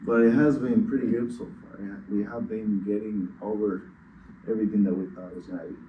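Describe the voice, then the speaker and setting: A man's voice: fairly low pitch, fairly even intonation, a little fast, muffled recording, slight background noise. A young man from the Dominican Republic chatting loosely and playfully as a podcast co-host. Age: young adult. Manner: loose, playful, lots of "like" and "yeah". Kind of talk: casual chat. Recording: echoey room, distant mic.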